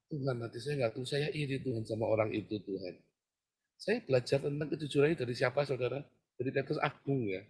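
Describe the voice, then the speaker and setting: Husky-voiced man preaching animatedly. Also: medium pitch. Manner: animated preaching, swinging between hushed prayer and loud exhortation. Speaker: pastor. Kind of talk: sermon.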